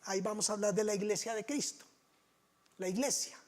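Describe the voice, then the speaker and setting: A man's voice: high-pitched, a little fast. A man preaching a sermon as a pastor, telling stories in a conversational way and asking rhetorical questions.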